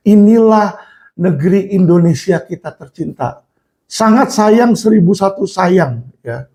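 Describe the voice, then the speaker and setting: A man's voice: sits high, lively intonation, a little slow. A man speaking out to viewers in an impassioned monologue, emphatic, often addressing them as friends and acting out the people he quotes. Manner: emphatic, repeats "teman-teman" and "ya", acts out quoted people in raised shouts.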